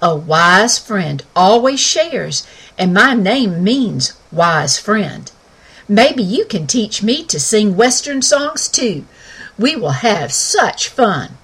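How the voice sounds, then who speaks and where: A woman's voice: medium pitch, big pitch swings, slow pace, fairly bright tone, breathy edge, heavily acted. A woman voicing a sweet, eager little male burro in a storybook, polite and eager in manner.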